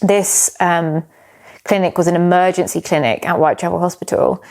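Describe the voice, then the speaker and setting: A woman's voice: lowish voice, normal speed, creaky, a little mellow. A British woman in her thirties, hosting a solo podcast and telling a personal story in a candid, rambling way, sometimes teary. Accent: British English. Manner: rambling, candid, swears casually. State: emotional, tearing up. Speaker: podcast host.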